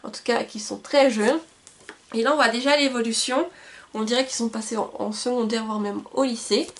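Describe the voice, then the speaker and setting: A woman's voice: a little high, fairly even intonation, moderate pace. A woman vlogging about books, reading back-cover summaries aloud and chatting about her purchases, sometimes tripping over words. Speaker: book vlogger. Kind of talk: casual book haul chat with read-aloud summaries. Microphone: camcorder.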